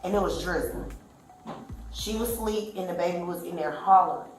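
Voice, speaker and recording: A woman's voice: on the low side, a little fast. A woman telling police a long, rambling account, acting out what others said. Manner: rambling storytelling, acting out quoted speech. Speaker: witness. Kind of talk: recounting events to police. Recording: very echoey room with faint music.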